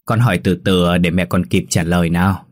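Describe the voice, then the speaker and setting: Man reading a calm, motherly middle-aged mom, husky and low. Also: fairly quick, no echo, clean studio sound. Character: middle-aged mother, gentle and warm-hearted.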